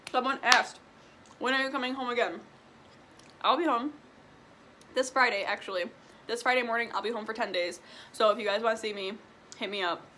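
This chatty vlogger, a twenty-year-old woman from Illinois, eats during a casual mukbang Q&A, answering viewers with lots of "like" and "um" from a small room at home. Her voice sits on the high side and sounds bright and forceful, brisk yet broken by long pauses, over slight background noise.

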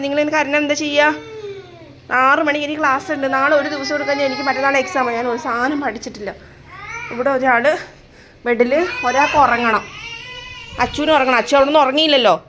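A woman's voice: sits high, steady tone, quick pace. A young woman, a mother of twins, chatting to the camera in a casual vlog while soothing her small children. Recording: noisy background with passing vehicles.

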